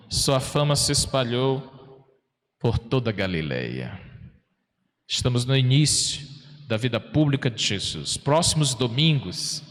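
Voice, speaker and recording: A Brazilian priest with a mid-range voice preaches a sermon in a homely, conversational way, putting questions to his congregation. He stretches words out slowly to stress them. His voice carries a long reverb through the church. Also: mid-range voice. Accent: Brazilian Portuguese. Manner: folksy, asks the congregation questions, slows down for emphasis. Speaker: parish priest.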